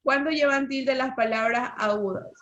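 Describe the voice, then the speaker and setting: A woman's voice: sits high, fairly even intonation, moderate pace, background noise. A woman teacher giving an online language lesson, explaining rules and quizzing the class with questions over a video call. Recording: slightly dull lo-fi call audio.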